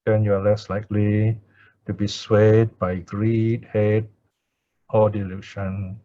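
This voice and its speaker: Calm and measured, a man leads chanting and guided meditation as a Buddhist teacher, pausing often. His voice is fairly low, and the sound quality is dull.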